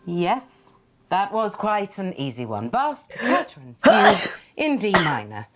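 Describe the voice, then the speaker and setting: A woman's voice: medium pitch, big pitch swings, unhurried, soft background music. A theatrical, bossy mother running a quiz. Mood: imperious. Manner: dramatic, commanding, sings her clues. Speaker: mother hosting a music quiz.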